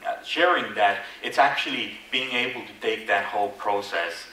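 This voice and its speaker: A conference speaker from Finland delivers a casual, self-mocking presentation at a moderate pace, his fairly low voice bright and forceful. He speaks with a Finnish accent touched by Irish, restarting often and using many fillers. A distant mic in the large hall captures echo and faint noise.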